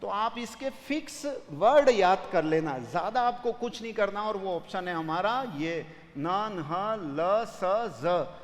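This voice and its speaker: A man's voice: high-pitched, lively intonation, slow, big-room sound. A man teaching grammar for an exam, explaining step by step and putting students' questions to himself. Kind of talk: exam-prep lecture solving questions.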